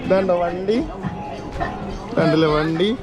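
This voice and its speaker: Higher-voiced man vlogging in mix. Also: fairly even intonation, measured pace, crowd noise. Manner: Malayalam mixed with English words. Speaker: family vlogger. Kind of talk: casual family vlog chat, addressing viewers and children. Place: outdoors at a busy zoo park.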